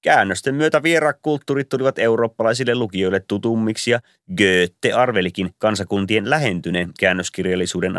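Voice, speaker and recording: A man's voice: fairly low pitch, a bit bright, no echo, studio quality. A man voicing a long-winded, pompous old male Santa Claus in an audiobook reading, rambling on like a lecturer.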